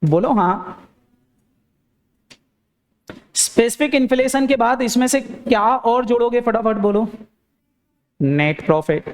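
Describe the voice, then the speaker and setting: A man teaching an accounting class in a lecture style, firing questions at students and answering them himself in a lower voice. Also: measured pace, long pauses. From India. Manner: urging, repeats phrases for emphasis.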